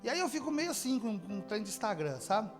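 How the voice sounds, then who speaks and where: Pastor, super high voice, preaching hard then dropping to a hush, faint music behind. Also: male voice, very animated, fast talker. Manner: impassioned, swinging from shouts to near-whispers, calls out to the congregation. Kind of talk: sermon. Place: church service.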